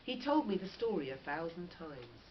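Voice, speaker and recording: With a lowish voice and moderate pace, a woman brings a children's story to life the way a teacher might, adding little explanations here and there. Her reading is animated, but the audio is dull, lo-fi, and carries faint noise.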